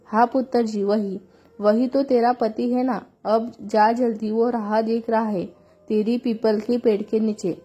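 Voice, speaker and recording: A woman's voice: on the high side, steady tone, unhurried, dark tone, breathy edge, muffled recording. A woman reading a story voices a chatty older aunty who scolds and blesses like an elder. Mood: fussing.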